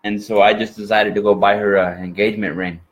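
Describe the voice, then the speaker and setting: A man's voice: fairly low pitch, flat delivery, fast, poor audio. A man from Minnesota with an exaggerated Minnesota accent, chatting as an interview guest in a folksy, rambling way. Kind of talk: casual interview chat.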